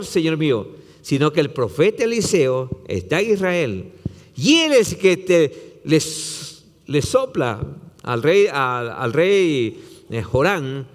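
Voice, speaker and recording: Animated pastor, church reverb. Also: male voice, a little high. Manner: retells scripture with dramatic voicing and repetition. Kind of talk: sermon.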